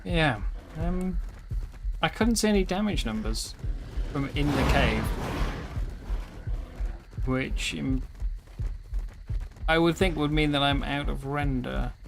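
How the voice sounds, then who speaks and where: A man's voice: on the high side, slow, vocal fry, long pauses, noisy background. Tired, rambling male game streamer. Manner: rambling, with frequent ums and self-corrections. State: tired and yawning. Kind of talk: casual live gameplay commentary.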